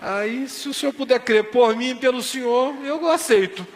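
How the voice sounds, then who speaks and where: A man's voice: a little high, normal speed, a little hiss or hum, pitched above the performer's own voice, close to an everyday voice. A man voicing a distraught, pleading older male shop owner during a sermon story. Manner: pleading and tearful. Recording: long hall reverb.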